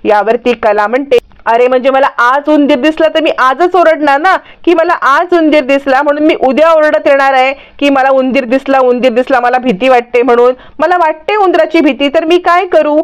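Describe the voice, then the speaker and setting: High-voiced woman retelling a drama. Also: moderate pace. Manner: lively, narrates every character's lines herself. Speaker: serial recap narrator. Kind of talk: storytelling recap with voiced quotes.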